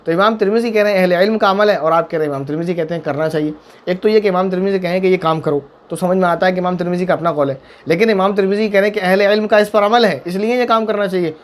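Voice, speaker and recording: A man, a mufti, answering viewer questions on religious matters, emphatic and repetitive, with pointed rhetorical questions. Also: high voice. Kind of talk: religious Q&A talk.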